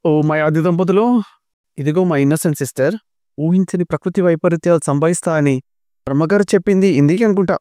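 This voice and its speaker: A man's voice: a little high, mellow, no echo, studio quality, close to an everyday voice. A man voicing a cheeky young brother-in-law who teases and jokes sarcastically. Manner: teasing, sarcastic.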